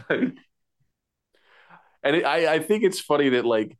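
A man's voice: on the high side, expressive, slow. A man co-hosting a podcast, chatting casually about a TV episode, full of fillers, restarts and laughs. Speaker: podcast co-host. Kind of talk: casual TV recap chat.

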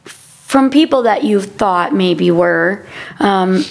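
A woman in a casual faith-centred conversation in a church prayer room, speaking in halting, circling sentences. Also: medium pitch, animated, gravelly. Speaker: podcast conversation partner.

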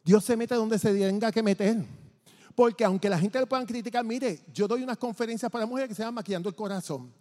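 A man giving a testimony from the pulpit, telling his story in an animated way and acting out the dialogue. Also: high-pitched, fast. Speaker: church testimony speaker. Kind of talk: testimony preaching. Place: church sanctuary. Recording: long church reverb.

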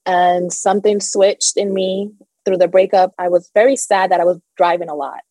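A woman's voice: fairly low pitch, steady tone, moderate pace, dark tone, no echo, low-quality recording. A young adult woman telling her personal story as an interview guest, open and emotional, with a nervous laugh now and then.

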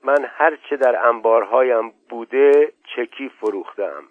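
A man's voice: medium pitch, dry recording, close to an everyday voice. A man voicing an older landowner who coaxes and placates his younger brother. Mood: coaxing. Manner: coaxing, persuasive. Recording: dull, dry lo-fi audio.

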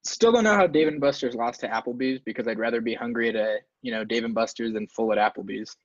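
Husky guy on a podcast, dull dry mic sound, gets worked up and emphatic. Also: mid-range voice, quick pace, no room sound. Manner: animated, emphatic complaints. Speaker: podcast co-host. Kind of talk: casual podcast chat.

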